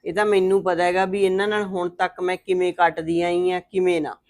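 A woman's voice: fairly low pitch, little pitch movement, brisk, darkish tone, lightly acted. A woman playing a soothing, proverb-quoting aunt. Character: motherly aunt, soothing and stern. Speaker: older aunt comforting her niece. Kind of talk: Punjabi web drama acting.

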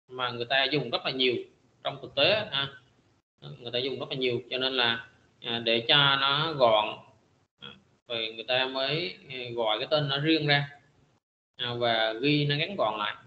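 A middle-aged man teaching a high school math class in a classroom lecture, filling his pauses with frequent hesitant "à" sounds. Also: bright, forceful tone, roomy sound, muffled recording, slight background noise.

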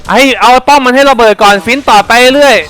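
Rowdy fast-talking young man gamer. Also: extremely high pitch, fairly bright tone. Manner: rowdy, blunt, quick-talking. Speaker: gaming streamer. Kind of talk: casual chat while gaming.

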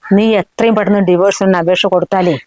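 A middle-aged woman playing a scheming, sharp-tongued mother who nags and insults in a short film drama. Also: medium pitch, fairly even intonation, quick pace, a little hiss or hum, close to an everyday voice, poor audio. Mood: persuading. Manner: scornful, nagging, insulting. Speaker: mother-in-law.

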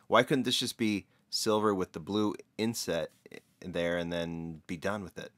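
A man's voice: sits low, fairly even intonation, unhurried, no room sound. A man casually showcasing toy cars as a collector, talking in a conversational, opinionated way with frequent ums and uhs. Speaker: toy car collector reviewer.

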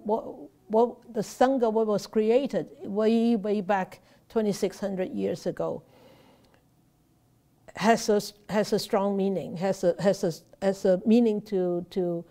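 Slow halting Hong Kong woman teaching. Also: mid-range voice, warm tone. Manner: slow, halting, many restarts and fillers. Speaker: Buddhist nun teacher. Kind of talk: Dharma talk. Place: temple shrine room indoors.

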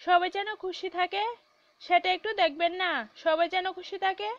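A woman's voice: extremely high pitch, lively intonation, moderate pace, sharp tone, no echo, lo-fi sound, full character voice. A woman voicing a sly male kidnapper who talks in a sweet, coaxing tone in a read-aloud story. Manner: honeyed, smooth-talking.

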